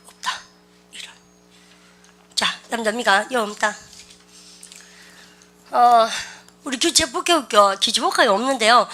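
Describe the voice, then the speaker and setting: Bright, lively woman teaching English vocabulary. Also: fairly high pitch. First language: Korean. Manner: lively, coaxing, asks the class questions. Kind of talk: classroom lecture.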